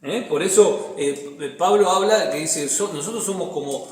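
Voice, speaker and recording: In an echoey, reverberant church hall, a pastor with an Argentine Spanish accent leads a Bible study, reading scripture aloud and explaining it conversationally. His voice is on the high side and darkish, at a moderate pace.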